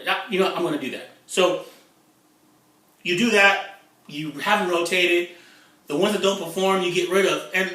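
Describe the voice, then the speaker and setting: A middle-aged man talking in a casual vlog about online marketing, excitable and rambling, often repeating himself. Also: fairly high pitch, far from the mic. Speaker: internet marketing vlogger. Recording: echoey room, away from the mic.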